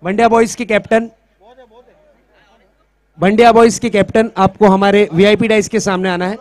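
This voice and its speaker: A man making loud, repeated public announcements over a loudspeaker PA system at an outdoor cricket ground. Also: high-pitched, flat delivery, normal speed, no echo. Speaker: tournament announcer.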